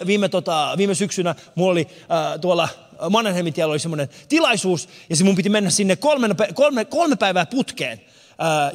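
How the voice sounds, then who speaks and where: In an empty, large concert hall, with long reverb trailing every line, a stand-up comic tells a story and voices the other people in it himself. His voice is high and fairly bright. He came to Finland from abroad in 1991.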